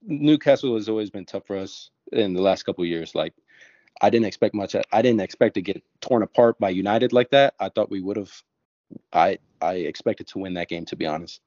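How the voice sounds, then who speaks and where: An American man talks football on a podcast in a casual, halting way, full of restarts and fillers. His voice sits low. The mic sounds dry and a little dull. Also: expressive, darkish tone, no echo. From United States. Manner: hesitant, restarts often, says "like" a lot. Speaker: podcast panelist.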